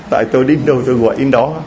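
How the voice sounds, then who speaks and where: A middle-aged man preaches in a church, telling stories and tossing questions to the congregation. His pitch sits in the middle for a man. The recording is dull and lo-fi, with a faint hum of the room behind him. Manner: storytelling, lively, addresses congregation directly with questions. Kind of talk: sermon. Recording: dull low-fi sound with faint ambience.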